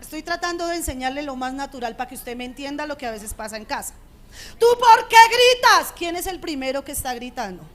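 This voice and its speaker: High-voiced woman preaching. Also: fast, few pauses. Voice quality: strong, loud voice. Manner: conversational preaching, frequent rhetorical checks with the congregation. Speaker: pastor. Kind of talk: sermon. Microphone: radio studio microphone.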